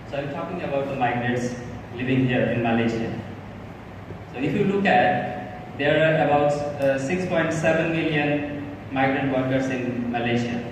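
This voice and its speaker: Bangladeshi man pitching in an echoey hall. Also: distant mic, a little hiss or hum. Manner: earnest, halting, with frequent fillers and restarts. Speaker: startup presenter. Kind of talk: live pitch presentation.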